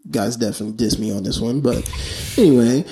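A man's voice: mid-range voice, slight background noise. Man chatting in a roomy echo. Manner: animated storyteller, quick, repeats words. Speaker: podcast co-host. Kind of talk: casual chat.

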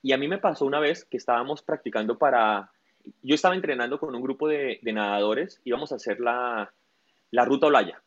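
Through dull lo-fi audio, a man appearing as a guest coach in a relaxed interview speaks briskly in a mid-range voice. He relates anecdotes and performs the quoted lines of the people in them.

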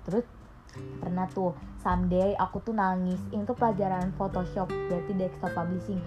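A young adult podcast co-host candidly and emotionally recounts her struggles in casual late-night chat, full of fillers. Her voice is on the low side and flat, at a moderate pace, with music in the background.

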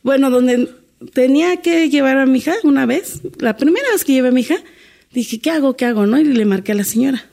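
A woman's voice: sits high, expressive, fairly quick, gravelly, darkish tone. A middle-aged woman, a domestic worker telling her life story in an interview, earnest and full of restarts. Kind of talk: candid interview conversation.

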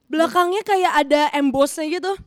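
A woman's voice: sits high, moderate pace, no room sound, clean studio sound. A young woman co-hosting a casual snack review vlog, chatty and musing, with slangy asides. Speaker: vlog co-host.

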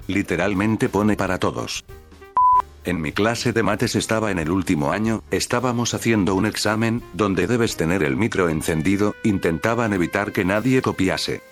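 A man with a very low voice reads out a string of short stories in a steady, scripted narration. His delivery stays even from line to line, with soft music playing quietly underneath. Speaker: narrator reading online stories.

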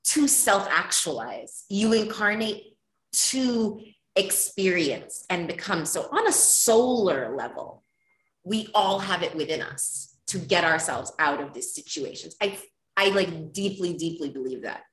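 A woman's voice: fairly low pitch, animated, a little slow, fairly bright tone. A woman from Ethiopia speaking earnestly and passionately as a podcast guest. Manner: earnest, impassioned. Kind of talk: conversational interview. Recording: roomy echo.

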